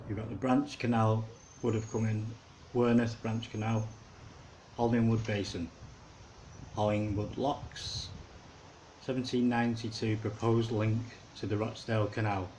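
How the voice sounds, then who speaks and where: Rambling low-voiced man on a canal walk. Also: flat delivery, unhurried, long pauses, warm tone, slight background noise, low-quality recording. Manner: rambling, chuckling asides. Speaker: canal walk video maker. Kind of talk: casual walking commentary. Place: outdoors by a city canal.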